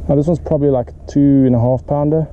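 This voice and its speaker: A young man in his late teens with a South African accent, excitedly filming himself fishing from a boat, whooping and repeating himself when fish bite. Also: fairly high pitch, fast talker, narrow, tinny audio. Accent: South African English. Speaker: fishing vlogger. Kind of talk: excited outdoor fishing vlog. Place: outdoors on a small boat on a weedy lake. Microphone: head-mounted action camera. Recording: outdoor wind and water noise.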